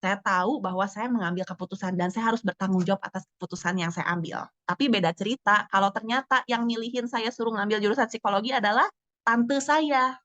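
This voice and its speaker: A woman's voice: medium pitch, brisk, fairly bright tone, no echo. A woman teacher giving a seminar talk, acting out children's voices as she tells stories. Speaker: teacher and speaker. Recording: dull lo-fi sound.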